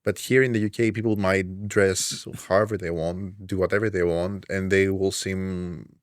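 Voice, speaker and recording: A young man from Greece speaks English as a podcast guest. His voice is very low and he pauses often to think. The recording is close and dry. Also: steady tone, dry recording. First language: Greek. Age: young adult. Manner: thoughtful, hesitant, many "um"s. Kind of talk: casual chat.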